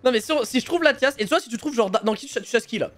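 A woman streaming a game live, chatting casually and excitably with her audience and her co-player, often breaking into laughter. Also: on the high side, racing. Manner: excitable, bursts of laughter, teasing. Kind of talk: casual live-stream chat while gaming.

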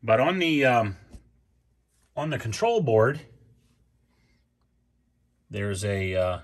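A man casually walking through his own furnace repair off camera, plain and unhurried, with many ums and restarts. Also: fairly low pitch, big pitch swings. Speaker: homeowner showing a repair. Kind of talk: casual DIY walkthrough.

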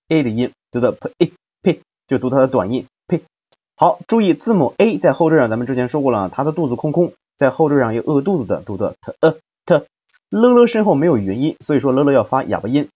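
A man at a middle pitch teaches an English phonics lesson. He explains each step patiently and stretches out individual sounds as he drills syllables. The audio is slightly dull and lo-fi. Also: darkish tone, slightly rough.

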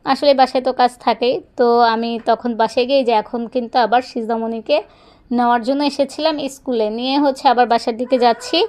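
A woman's voice: on the high side, steady tone, quick pace, darkish tone. A young woman vlogging in a casual, rambling way while walking outdoors, talking into a handheld phone. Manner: chatty, rambling, fond of filler phrases. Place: outdoors on a neighborhood walk.

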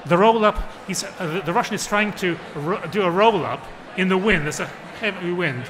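A man's voice: high voice, normal speed, a crowd in the background. A man on a book fair panel reading his translated excerpt aloud and explaining it, voicing the characters' lines as he goes. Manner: acts out the characters' lines in shifting voices.

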